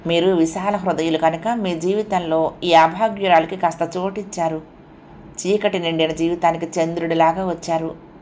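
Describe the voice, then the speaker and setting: Woman doing a softly coaxing young lover. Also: on the low side, fairly even intonation, normal speed, a little hiss or hum, lightly acted. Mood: tender coaxing. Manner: soft, coaxing, murmured.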